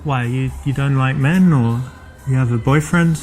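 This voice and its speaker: A man's voice: mid-range voice, moderate pace, a little mellow, soft background music. Chatty London man coaching dating. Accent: London English. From England. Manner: breezy, chatty, plenty of "you know" fillers. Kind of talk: demonstration chat with coaching asides to camera.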